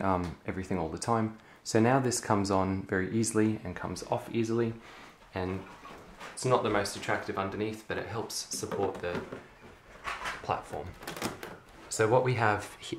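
A young man giving a relaxed, chatty show-and-tell of his hobby build at home, with frequent ums. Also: lowish voice, moderate pace. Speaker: LEGO hobby vlogger. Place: carpeted room at home. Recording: echoey room, faint noise.

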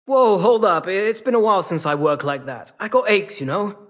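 This video game character is a sly feline rogue whose husky, raspy voice sits fairly high for a male. He speaks in a wry, casual, streetwise drawl at a moderate pace with lively intonation, like a weary hustler forever bargaining.

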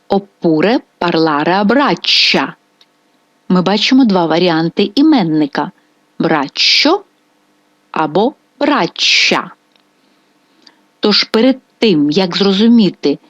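Woman slowly teaching Italian phrases. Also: mid-range voice, sing-song, no room sound. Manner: slow, careful enunciation of example phrases. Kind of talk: scripted language lesson narration.

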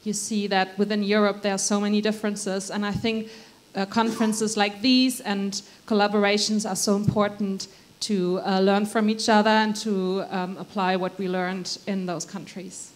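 A woman's voice: mid-range voice, level tone, normal speed. A woman from Germany, a researcher adding to a conference panel answer, hesitant with many fillers.

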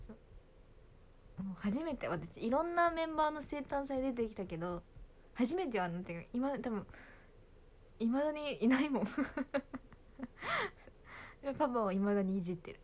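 Young woman, slightly high voice, chatty and giggly, casual phone livestream. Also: expressive, normal speed, pauses often, a little mellow. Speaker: idol livestreaming to fans.

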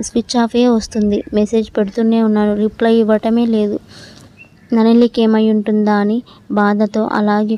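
Flat, mellow woman storyteller. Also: on the high side. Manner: steady first-person storytelling. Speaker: story narrator. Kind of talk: audio story reading.

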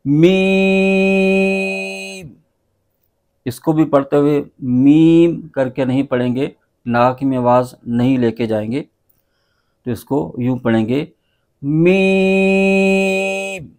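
A Quran teacher, reciting letter names in long drawn-out syllables, then explaining in quick low asides. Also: male voice, steady tone, mellow. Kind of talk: slow recitation lesson.

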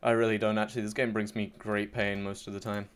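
A man's voice: fairly low pitch, level tone, quick pace, clear, resonant tone. A man giving sarcastic, mock-boastful commentary over his own gameplay as a YouTuber, joking at his own expense. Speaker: gaming YouTuber. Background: faint keyboard and mouse clicks.

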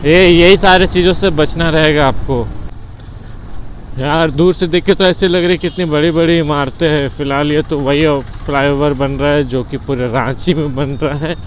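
A young man, chatting excitably as he vlogs his motorbike ride and a roadside bike workshop, dropping English words in. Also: on the high side, normal speed, poor audio. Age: young adult. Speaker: motovlogger. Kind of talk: casual vlog commentary while riding. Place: city streets and roadside bike workshop, outdoors. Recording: faint street and traffic noise.

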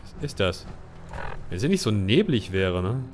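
A man's voice: fairly low pitch, big pitch swings, a little slow, a little hiss or hum. A man from Germany giving casual gameplay commentary as a let's play host, chatting to himself and his game companion.

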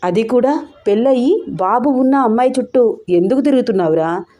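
A woman's voice: on the high side, lively intonation, moderate pace, mellow, natural voice. A woman voicing a blunt, mocking young male friend in an audio story.

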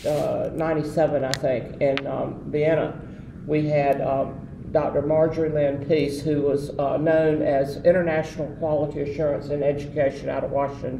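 An older Southern American man, a former association president, reminisces as an interview guest, rambling with plenty of fillers. His voice is on the high side with vocal fry. The mic is distant, giving a roomy sound with faint noise.

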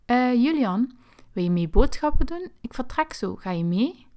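Woman voicing a mother, strict, scolding, firm, toy play video, slightly high. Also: sing-song, normal speed, darkish tone. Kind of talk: toy figure play narration.

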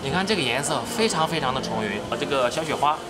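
A man's voice: mid-range voice, animated, fast, over loud music, over a noisy crowd. A young man hosting a food vlog in an indoor cafe, chatting casually and exclaiming at each dish on a handheld camera mic. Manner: upbeat, chatty, exclaims at the dishes. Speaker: food vlogger host. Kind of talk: casual chat while tasting food. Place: indoor themed cafe and shop.

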